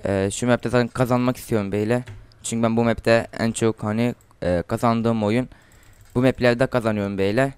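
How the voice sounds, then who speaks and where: A teenage boy from Turkey giving casual gameplay commentary, chatting to viewers and trash-talking opponents, getting loud and excited in fights, recorded on a desk mic at his computer. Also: mid-range voice, normal speed, clean tone, no room sound. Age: teens. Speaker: gaming YouTuber.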